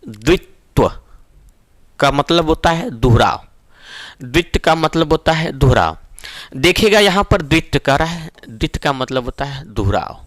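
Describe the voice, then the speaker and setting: Male grammar tutor, middle-aged, explains methodically with frequent check-ins, higher pitch, dry recording. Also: animated, normal speed, a bit bright, dry recording. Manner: explains step by step, often asks "ठीक है ना?". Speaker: teacher. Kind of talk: exam-prep Hindi grammar lesson.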